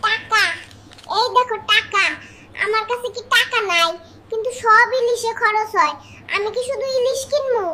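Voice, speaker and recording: A squeaky cartoon voice doing a grumbling husband. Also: steady tone, normal speed. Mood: fed up. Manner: scolding, fed up. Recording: loud background noise.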